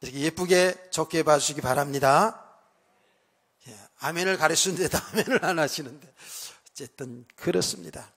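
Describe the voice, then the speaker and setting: Korean pastor guy preaching, raspy rough voice, calm then he just starts yelling. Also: fairly high pitch, normal speed. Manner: calm talk that suddenly rises to shouting. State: sore throat. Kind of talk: sermon.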